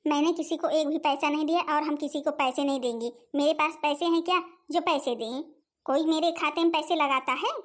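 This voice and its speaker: A woman voicing a stingy, sharp-tongued old grandmother and mother-in-law in a home-made cartoon. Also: high-pitched, fairly even intonation, a little fast, natural voice. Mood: scolding.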